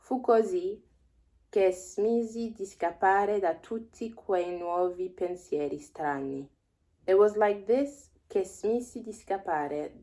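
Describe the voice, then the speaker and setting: A twenty-something French woman vlogging as a language learner reads a text aloud slowly and explains it. Thinking out loud, she guesses at unfamiliar words, her fairly low voice a little mellow.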